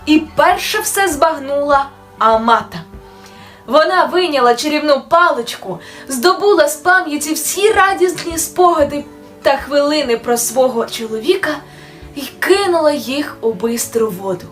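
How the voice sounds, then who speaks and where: Woman storyteller, high voice, fairy-tale narration over faint music. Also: moderate pace. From Ukraine. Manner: gentle, expressive storytelling. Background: soft music.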